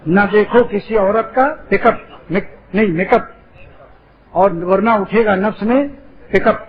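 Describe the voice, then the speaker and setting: A man's voice: high voice, dull audio. A man giving a humorous sermon as an Islamic preacher, teasing his listeners with playful wordplay.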